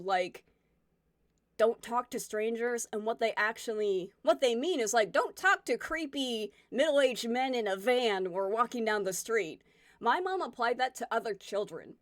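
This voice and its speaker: A woman in her twenties talks openly and a little rambly, musing aloud as she answers her viewers. Her voice sits at an ordinary middle pitch for a woman. The sound is dry and close, with no room echo. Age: 20s. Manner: candid, rambling, self-reflective. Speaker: streamer chatting with viewers. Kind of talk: casual chat reading viewer comments.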